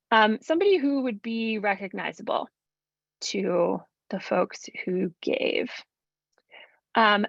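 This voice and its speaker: Woman giving a casual webinar, gravelly. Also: on the high side, dry recording, muffled recording. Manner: friendly, conversational, frequent ums. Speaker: nonprofit fundraising trainer. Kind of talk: webinar presentation.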